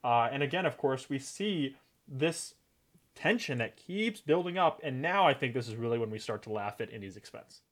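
A man's voice: mid-range voice, moderate pace. A man co-hosting a podcast, chatting casually about a TV episode, laughing often and acting out lines from scenes. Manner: animated, laughs often, quotes scenes in character. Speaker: podcast co-host.

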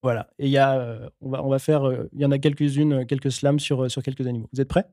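A podcast host morphing his voice between his own and a lower-pitched male crow slammer persona he puts on. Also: little pitch movement, fast talker, warm tone, no room sound, clean studio sound, lightly acted. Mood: laid-back. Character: crow slammer guest, male, laid-back. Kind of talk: playful podcast banter.

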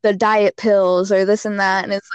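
A woman's voice: mid-range voice, flat delivery, moderate pace, smooth, lo-fi sound. A woman guest on a casual podcast, giving frank fitness and diet advice with lots of "like" and "you know.".

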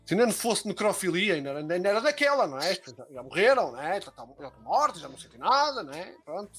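A man's voice: high voice, sing-song, very fast, a bit bright, soft background music. A young man with a European Portuguese accent chatting casually as a live stream co-host, slangy and full of swearing.

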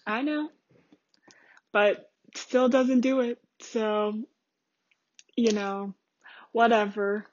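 A woman's voice: medium pitch, steady tone, drawn-out words, long pauses, a little mellow, dry recording. A young adult woman hosting a podcast, telling a casual story in a chatty, rambling way with lots of fillers and restarts. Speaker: podcast host. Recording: dull lo-fi dry recording.

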